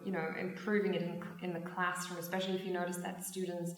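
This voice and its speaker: A woman's voice: fairly low pitch, flat delivery, quick pace. Woman in an echoey room, hesitant. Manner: hesitant, many fillers and restarts. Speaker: exam candidate, English teacher. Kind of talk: oral exam discussion. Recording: echoey room, mic far off.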